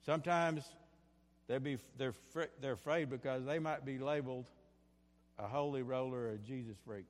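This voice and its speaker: A man preaching from a church pulpit, his voice carried by the long reverb of the sanctuary. He swings from fervent, rising bursts to hushed asides, doubling back on his phrases as he drives each point home. His pitch sits mid-range for a man. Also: moderate pace. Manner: impassioned, rising and falling in bursts, repeats phrases. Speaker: pastor. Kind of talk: sermon.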